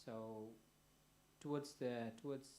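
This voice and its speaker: A soft-spoken young man from Fiji tells his story hesitantly, pausing often and restarting his sentences. His voice is flat and even, with a dark, mellow tone. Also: medium pitch, a little hiss or hum. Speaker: guest. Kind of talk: personal testimony.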